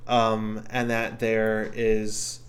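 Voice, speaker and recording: A man's voice: on the low side, monotone, extremely slow. A man improvising narration as game master of a tabletop game, hesitantly searching for his words.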